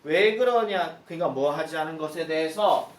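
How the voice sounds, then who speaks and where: A man teaching a high school English textbook lesson, explaining line by line and slowing down to read out English phrases. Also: reverberant, distant mic.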